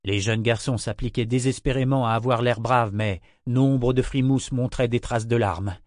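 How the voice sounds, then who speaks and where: Man calmly narrating an audiobook. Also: mid-range voice, no echo, studio quality. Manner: even, measured reading. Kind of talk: scripted narration.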